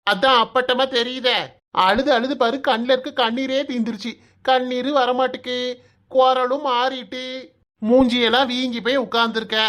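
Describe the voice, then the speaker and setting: A calm pious village husband. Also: female voice, high-pitched. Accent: Kanyakumari Tamil. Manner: soothing, slow, reasoning.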